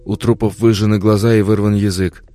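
A man's voice: fairly low pitch, little pitch movement, fairly quick, dark tone, faint music behind, natural voice. A man reading a tense loyal aide. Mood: alarmed. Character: loyal male aide bearing grim news. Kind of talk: audiobook character voicing.

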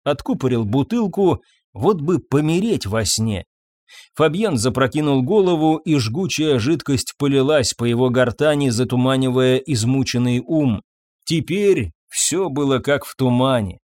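A man reads a story aloud at a measured, steady pace. His voice sits at an ordinary middle pitch for a man. The sound is close and dry, with no room around it. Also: no echo. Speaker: narrator. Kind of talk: audiobook narration.

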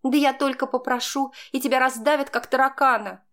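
A woman voicing a frightened, furious young woman who is cornered, speaking in shrill, hysterical bursts. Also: moderate pace, lightly acted. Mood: distraught.

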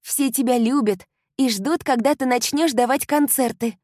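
A woman reading an audiobook, voicing an excitable young woman who talks loudly and breathlessly as a best friend. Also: normal speed, no echo, studio quality. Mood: excited. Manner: high, loud, breathless exclaiming. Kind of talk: audiobook character voice.

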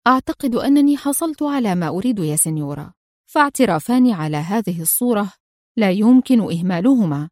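A woman's voice: medium pitch, lively intonation, fast, a little mellow, no room sound, clean studio sound, natural voice. A woman voicing a cold, mocking male police inspector in a read-aloud spy story. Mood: stern mocking.

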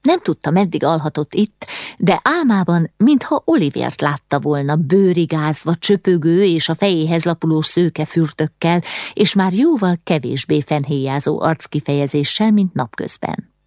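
A woman reads a novel aloud in a steady, measured storytelling voice. Her voice sits low for a woman. The recording is close and completely dry. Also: no room sound. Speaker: audiobook narrator. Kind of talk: scripted narration of a novel.

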